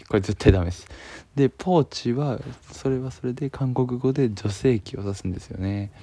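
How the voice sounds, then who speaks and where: A man's voice: fairly low pitch, mellow, no echo. A man with a Kansai accent chatting casually to camera, joking and using many fillers. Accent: Kansai Japanese. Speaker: video creator. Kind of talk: casual talking-to-camera vlog.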